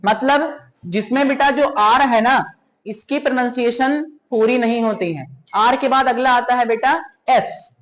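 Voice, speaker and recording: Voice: mid-range voice, measured pace, fairly bright tone, poor audio. A teacher giving an informal spoken pronunciation lesson. The teacher addresses listeners fondly as children, repeats each sound several times to demonstrate it, and adds teasing, scolding asides.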